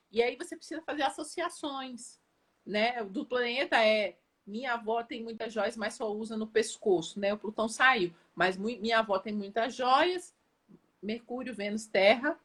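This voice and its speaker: Husky-voiced woman explaining with lively energy. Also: on the high side. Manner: lively, repeats words, asks listeners if they follow. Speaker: educator and guest on an Instagram live. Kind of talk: casual explanatory talk on a live stream.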